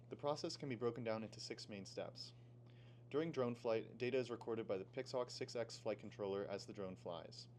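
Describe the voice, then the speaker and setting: A teenage boy from Pennsylvania reading a scripted project presentation in a steady, explaining way. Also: fairly low pitch, a little hiss or hum. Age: teens. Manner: steady, read-aloud explaining. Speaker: student presenter.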